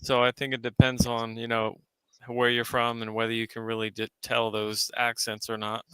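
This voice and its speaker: A man's voice: mid-range voice, completely flat delivery, normal speed, noisy background. A man from Delaware chatting casually in a group. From Delaware, United States.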